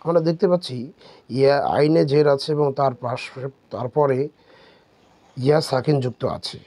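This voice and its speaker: A man teaching Quran reading step by step, spelling out letters and drawing out syllables slowly. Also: mid-range voice, dark tone, no room sound. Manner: slow, drawn-out syllable drills. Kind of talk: step-by-step recitation lesson.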